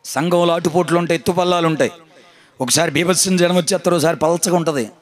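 A man's voice: on the high side, quick pace. A man preaching a sermon as pastor, emphatic, repeating his phrases and calling on the congregation to answer. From India.

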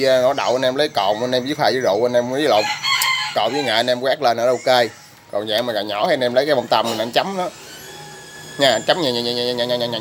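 Vlogger, man, rough and blunt, faint noise, roosters crowing behind. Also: medium pitch, a bit bright. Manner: rough, blunt, ranting then explaining. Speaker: chicken-raising vlogger. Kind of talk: casual vlog talk.

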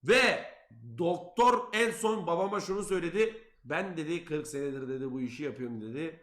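A young man telling a story to his stream chat in a casual, animated, profane way, loudly acting out his own lines. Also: a little high, a little fast. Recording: roomy echo.

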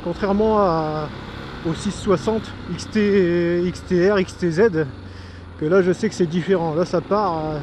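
A man whose voice sits high talks in an unhurried way, narrating his ride with informal enthusiasm as a motovlogger thinking out loud. He's outdoors on a moving motorcycle along country roads, and the audio is noisy from wind and the engine.

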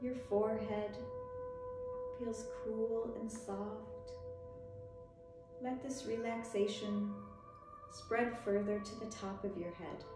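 A woman guides a relaxation meditation very slowly in a soft, soothing voice of medium pitch. She leaves long, gentle pauses between short phrases. The sound is heavily reverberant, with music playing behind her. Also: animated.

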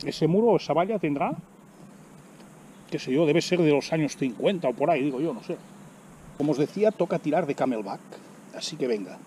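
Snacking in the woods, a middle-aged vlogger chats loosely to a camera placed on the ground ahead, frequently exclaiming as he eats. His mellow voice is on the high side, animated and brisk yet marked by long pauses, with a slight hiss or hum underneath.

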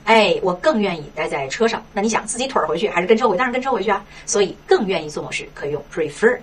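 A woman teaching an English textbook lesson in Mandarin, asking herself questions and tagging many lines with a quick "right?". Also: mid-range voice, husky, distant mic. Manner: lively, rhetorical questions, frequent "是吧".

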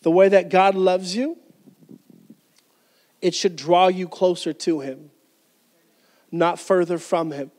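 High-voiced man preaching in a hall. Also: fairly even intonation, slow, pauses often, a little mellow. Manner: emphatic preaching with repeated restarts, gesturing while speaking. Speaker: pastor. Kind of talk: sermon. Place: church stage, indoors, medium-sized hall. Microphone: handheld mic. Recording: hall with long reverb.

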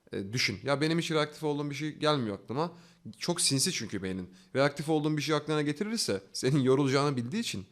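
A man teaching a self-development lesson, walking through steps by asking himself questions and answering them, with an earnest, coaxing delivery. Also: medium pitch. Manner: fast, earnest, coaxing delivery with rising emphasis. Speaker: online self-development instructor. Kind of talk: instructional talk.

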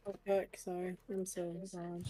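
A woman's voice: fairly low pitch, monotone, unhurried, dark tone, slight background noise. A woman streaming a shooter game, chatting casually, giggling and swearing freely. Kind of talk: casual gaming chat.

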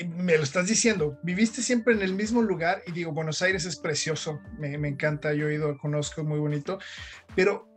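A man, hosting a casual video-call interview, talking in loose, restarting sentences. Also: fairly high pitch. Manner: chatty, many fillers and restarts. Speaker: podcast host. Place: home room. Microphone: headset on video call.

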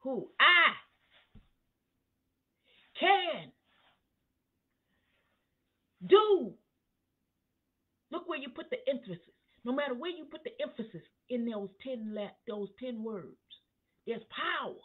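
A woman pastor preaching at a Bible study, in a slow, emphatic cadence that rises to fervent peaks. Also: on the high side, animated. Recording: tinny phone-line sound.

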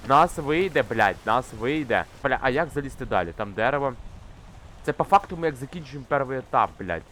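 A young man commenting casually on a climbing game he plays, swearing often and shouting when things go wrong. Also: mid-range voice, lively intonation, fairly quick, a little hiss or hum. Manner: swears constantly, shouts in frustration while climbing. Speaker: gamer. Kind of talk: casual let's-play commentary. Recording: faint game music behind.

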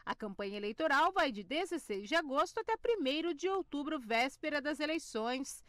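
A woman news reporter reading a scripted report with steady, clear delivery in a voice-over. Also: high-pitched, moderate pace, no room sound, clean studio sound. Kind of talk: news narration and interview questions.

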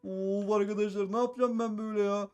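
A man excitedly narrating his Minecraft role-play, repeating each phrase and calling out to his viewers. His voice is high and he rattles along at a quick clip. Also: smooth, muffled recording. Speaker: gaming YouTuber.

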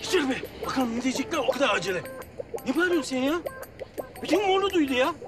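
A man's voice: very high voice, sing-song, quick pace, music in the background. A scolding, exasperated village father. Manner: scolding, irritable. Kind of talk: TV comedy acting.

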